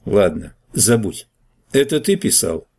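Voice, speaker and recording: A man's voice: lowish voice, very animated, measured pace, darkish tone, slightly rough, full character voice. A man reading an audiobook and voicing a rude, scrawny newspaper clerk who talks in a brash, mocking way. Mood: suspicious.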